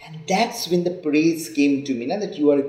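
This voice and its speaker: A man from Bengal with a Bengali Indian accent, telling a personal story in an expressive, feminine manner. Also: on the high side, moderate pace. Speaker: storyteller and facilitator. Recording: echoey room.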